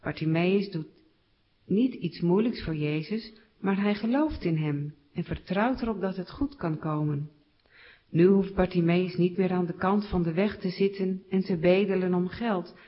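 A woman's voice: lowish voice, measured pace. Woman telling a children's Bible story. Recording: slightly dull recording.

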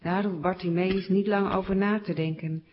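A woman telling a Bible story to children in simple, clear words. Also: mid-range voice, steady tone, moderate pace. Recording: slightly dull recording.

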